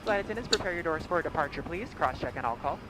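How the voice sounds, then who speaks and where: A man giving a scripted cabin announcement over the aircraft PA loudspeaker, polite and formal. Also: fairly high pitch, animated, fast, noisy background.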